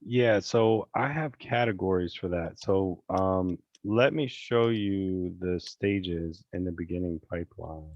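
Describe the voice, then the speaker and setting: A man coaching on a casual screen-share call, chatty and relaxed, with many fillers and restarts. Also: deep voice, takes it slowly, few pauses, no echo, lo-fi sound. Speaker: real estate investing coach. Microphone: video call.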